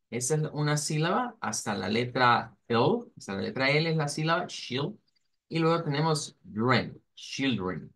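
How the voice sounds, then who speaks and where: A man teaching an online English pronunciation class, explaining in Spanish and slowly modelling English words and sentences. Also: medium pitch, fairly bright tone.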